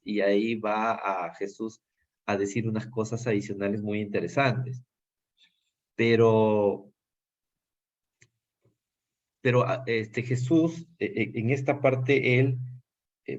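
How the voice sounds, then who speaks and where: Man, Peruvian Spanish accent, Bible class teacher, earnest, halting, dull lo-fi sound. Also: mid-range voice, darkish tone. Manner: earnest, many fillers and restarts. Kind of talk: Bible study lesson.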